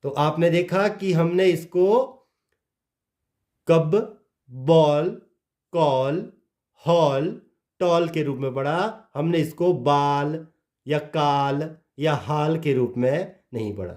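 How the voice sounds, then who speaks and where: Spelling words letter by letter, a man gives a slow phonics lesson on English pronunciation. His voice sits a little high with a slightly mellow quality, and he lowers it at the close of his phrases.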